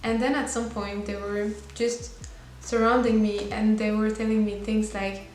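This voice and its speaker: Speaking French as a native, this twenty-something Belgian vlogger chats sincerely to camera about her life, sometimes restarting a phrase. Her darkish mid-range voice comes out flat and a bit slow, recorded in an echoey space with light hiss.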